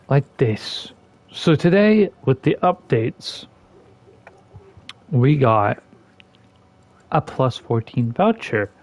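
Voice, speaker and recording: This gaming creator vents about a game as he plays, sarcastic and exasperated in a casual commentary style, with his pitch and loudness swinging lively up and down.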